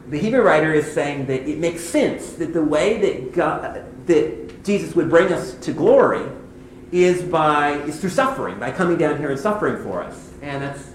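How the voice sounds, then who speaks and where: A man giving devotional teaching on hymn lyrics. He talks in a conversational way and reads scripture slowly. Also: a little high. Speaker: Bible teacher. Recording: echoey room, faint background noise.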